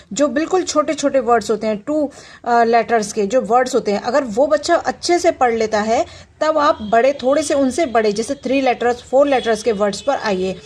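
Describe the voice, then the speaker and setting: Patient woman spelling words slowly. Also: high-pitched. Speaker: teacher. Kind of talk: home tutoring lesson.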